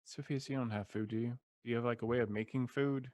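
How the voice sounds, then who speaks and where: A man's voice: medium pitch, steady tone, fast, a little mellow, no echo, clean studio sound. A man playing a tabletop fantasy game, improvising casually in character.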